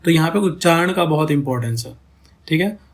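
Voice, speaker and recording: A man with a slightly high voice and lively intonation teaches how to count syllables in ghazal poetry. He goes step by step, slowly saying words aloud to show their sound, and often checks in with "theek hai" and "hai na".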